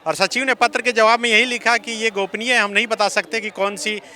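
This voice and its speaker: A man's voice: high-pitched, steady tone, fairly quick, bright, forceful tone. A man interviewing protesters, prompting them with questions. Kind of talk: street interview.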